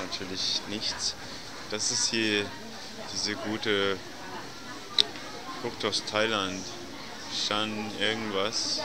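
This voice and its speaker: A man narrating a handheld tour of a supermarket, walking and commenting in a relaxed way on the camera mic. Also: on the low side. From Germany. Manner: relaxed, unhurried, commenting as he walks. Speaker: vlogger. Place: large supermarket indoors. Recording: loud store noise behind. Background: supermarket bustle.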